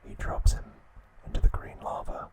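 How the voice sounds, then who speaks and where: This man, host of an ASMR trivia channel, narrates in an unvoiced, breathy whisper, keeping his short phrases hushed and measured.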